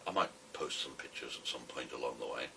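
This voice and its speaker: Deep, raspy British smoker, wryly rambling. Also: male voice, expressive, quick pace. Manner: wry, self-deprecating. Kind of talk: casual rambling vlog to camera. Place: a room at home, alone. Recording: distant camera mic with faint noise.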